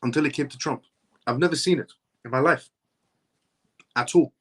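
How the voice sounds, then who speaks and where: A man's voice: mid-range voice, moderate pace, a bit bright, husky. Emphatic man in his thirties hosting a stream. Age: 30s. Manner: emphatic, repetitive, insistent; reads viewer comments aloud and answers them. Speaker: live stream host. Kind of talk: live stream commentary with chat questions.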